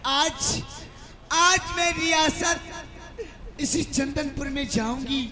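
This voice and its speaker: A man playing a wronged young village woman in folk stage theatre, declaiming in a shrill, accusing voice. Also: steady tone, drawn-out words, a crowd in the background, full character voice. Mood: furious, accusing. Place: open-air village stage.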